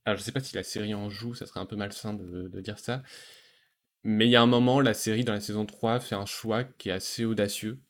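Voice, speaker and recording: A man hosting a relaxed podcast conversation, talking enthusiastically about animated series with frequent fillers and restarts. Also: lowish voice, brisk. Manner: enthusiastic, hesitant with many fillers. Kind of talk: casual chat.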